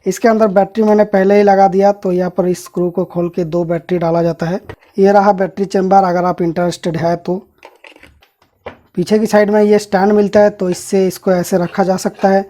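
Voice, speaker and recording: A man's voice: high voice, flat delivery, moderate pace, dark tone. A man hosting an electronics channel, casually unboxing and reviewing a device and explaining each part to viewers as he handles it.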